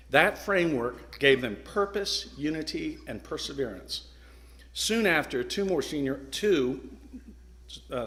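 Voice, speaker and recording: A middle-aged man giving an earnest, emphatic speech to a club, pausing for effect and sometimes restarting his sentences. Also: mid-range voice, fairly bright tone. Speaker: guest speaker.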